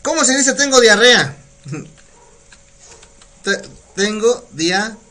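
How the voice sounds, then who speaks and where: Animated and chatty, a middle-aged Mexican man with a Mexican Spanish accent laughs often while teaching Nahuatl vocabulary on a live stream and reading viewers' comments. He's a community radio host whose voice is bright, forward, and high for a man. To help people follow, he repeats each word slowly and carefully for pronunciation.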